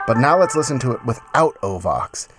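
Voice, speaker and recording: His voice is mid-range and sing-song, moving at normal speed. A man in his thirties, he presents a casual, slangy and enthusiastic tutorial on music production, speaking into a close studio microphone with a pop filter in his small home studio.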